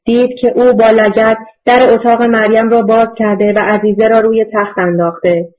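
A woman reading a novel aloud as narrator in a measured, subdued way, on a dull lo-fi recording. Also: fairly high pitch, level tone, slight background noise. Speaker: audiobook narrator. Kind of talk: scripted narration.

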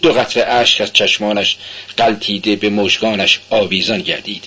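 Male reader, forceful and husky, intense dramatic narration from an old radio recording. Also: on the low side, steady tone, lo-fi sound. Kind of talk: dramatic literary reading.

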